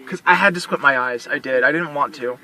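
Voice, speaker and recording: A young man speaks straight to his camera in a casual vlog. He sounds heartfelt and earnest, often restarting his sentences as he goes. His voice sits at a middling pitch for a man. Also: fairly quick, bright, forceful tone, rough recording. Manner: emotional, sincere, rambling with restarts. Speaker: vlogger who works as a mall Santa.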